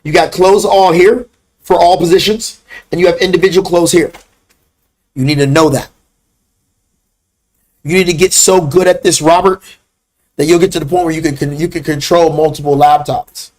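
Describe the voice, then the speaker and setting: A man's voice: a little high, fairly even intonation, moderate pace, long pauses, a little mellow. Blunt, scolding man teaching a trading class. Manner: blunt, scolding, calls out chat names. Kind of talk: live stream trading lesson.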